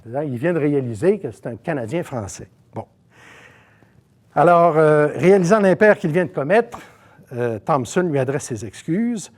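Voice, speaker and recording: Québécois man lecturing in a lively way. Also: fairly high pitch, moderate pace. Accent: Québécois French. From Saguenay, Quebec. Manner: animated, conversational, frequent fillers and asides. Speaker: lecturer at a seminar. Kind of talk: storytelling lecture.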